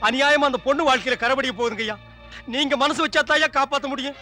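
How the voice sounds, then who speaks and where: A man's voice: very high-pitched, over music. An actor playing an anxious male villager who respectfully begs for help. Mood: pleading. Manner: pleading, respectful, rushed. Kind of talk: 1990s film drama dialogue.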